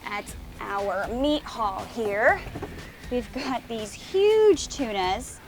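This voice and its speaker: A fishing and cooking vlog host, a woman with a slightly high, lively voice, talks to viewers extremely slowly while soft music plays. She walks through the food and fish casually, tossing out playful, informal exclamations.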